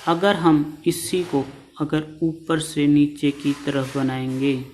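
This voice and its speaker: A man's voice: fairly high pitch, fairly even intonation, slow, a little mellow, slight background noise, rough recording. A man teaching a shorthand class who explains step by step and repeats each key term. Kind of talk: classroom lesson.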